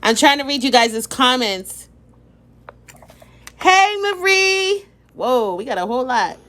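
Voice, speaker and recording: A woman's voice: high-pitched, slow. Chatty woman hosting a live stream. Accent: Boston. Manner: chatty, animated, reads out viewer comments. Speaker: interview host. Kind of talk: casual live-stream interview.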